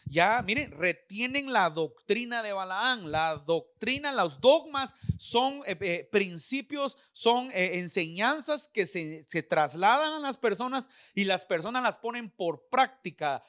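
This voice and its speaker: A middle-aged Guatemalan pastor preaches in a fairly high voice. He tells a story in plain, everyday words, calls his listeners brother, and slows right down when he reads scripture. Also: bright, forceful tone. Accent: Guatemalan Spanish. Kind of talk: sermon.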